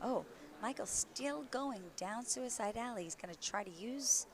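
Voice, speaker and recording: A woman's voice: a little high, expressive, unhurried, a crowd in the background. A woman working as a sideline reporter, commentating on play and interviewing players in an effusive, bubbly way. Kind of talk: live sports commentary and interviews.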